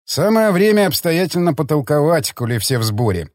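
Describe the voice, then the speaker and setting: A man plays a level-headed leader in an audiobook, a little higher than his own voice, measured and firm as he reasons with his friends. The sound is dry and close. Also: sing-song, dry recording, big-room sound.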